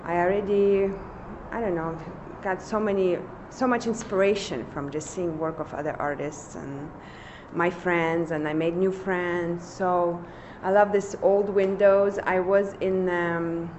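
Russian-accented middle-aged woman, halting speech. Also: on the low side, steady tone, a little mellow. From Lithuania. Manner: hesitant, halting phrasing with fillers. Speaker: painter, interview guest. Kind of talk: casual interview. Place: large old building studio. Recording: dull lo-fi sound with faint noise.

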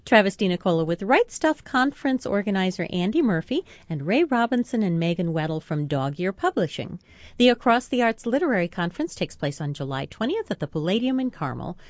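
A woman's voice: medium pitch, dry recording, dull audio. A woman co-hosting a radio arts show, bantering playfully as she reads out event listings.

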